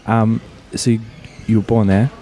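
A podcast host with a very low, mellow voice. He rambles through his questions in a loose, casual way, padding them with ums and uhs. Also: flat delivery, moderate pace. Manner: rambling, chatty, many fillers. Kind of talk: casual interview.

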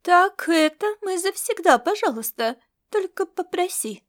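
A woman's voice: extremely high pitch, lively intonation, measured pace, voice pushed up. A woman voicing a cheeky, mocking young female star-cat girl in an audiobook. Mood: teasing. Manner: mocking, teasing, then whiny.

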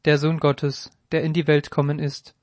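Grieving, faithful Martha, read by a man in a Bible recording, her words spoken in a solemn, measured way. The tone stays a little high and flat, with little rise and fall. The sound is close and dry. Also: no room sound, lightly acted. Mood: earnest. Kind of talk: Bible reading.

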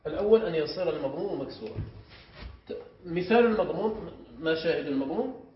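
A man, a sheikh, teaching a grammar class. He explains step by step and often checks the students with quick questions. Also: fairly high pitch, animated. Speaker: sheikh teaching Arabic morphology. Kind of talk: classroom lesson. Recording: echoey room, muffled sound, faint hiss.

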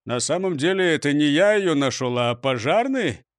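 A man's voice: fairly high pitch, lively intonation, normal speed, dry recording, studio quality, voice pushed down, natural voice. A man voicing a pompous, blustering male police chief in a children's storybook reading. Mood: sheepish. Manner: blustering, then mumbling.

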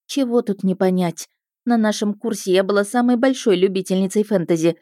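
A woman narrating a first-person fantasy audiobook in an expressive, wry manner. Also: medium pitch, fairly quick, dry recording, clean studio sound.

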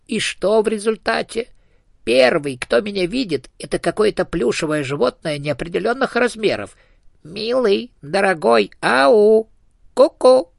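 A man's voice: high-pitched, vocal fry, no echo, clean studio sound, voice pushed up, exaggerated voice. A man voicing the chatty, bossy ghost of a small male hamster in an audiobook, fussy and pushy. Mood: amazed. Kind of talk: audiobook character voice.

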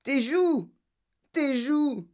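A woman's voice: on the low side, expressive, moderate pace, darkish tone, smooth, natural voice. A woman voicing a panicky, doting mother shrieking in alarm, in a storybook reading. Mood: panicked.

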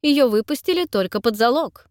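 A woman reading the part of a gentle, courteous young man in an audiobook, soft-spoken and polite. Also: a little high, expressive, moderate pace, dry recording, clean studio sound, pitched above the performer's own voice, natural voice. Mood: probing.

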